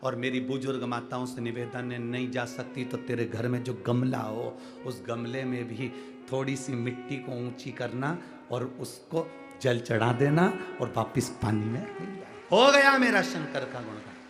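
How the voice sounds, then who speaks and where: A man's voice: medium pitch, moderate pace, music in the background. A middle-aged man preaching a devotional sermon, emphatic and calling out to the audience for responses. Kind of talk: devotional sermon to a large crowd.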